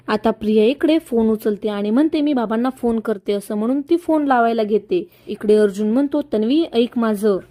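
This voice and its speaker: A woman's voice: on the high side, warm tone. A woman retelling the events of a TV serial episode as a dramatic story narration.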